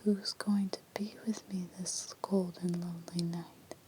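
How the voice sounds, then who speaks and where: A woman voicing a menacing, taunting night spirit in hushed, creepy, drawn-out whispered role-play for a scary story. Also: lowish voice, level tone, noisy background, lightly acted. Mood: eerie, menacing. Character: eerie stalking night voice calling out, menacing and taunting.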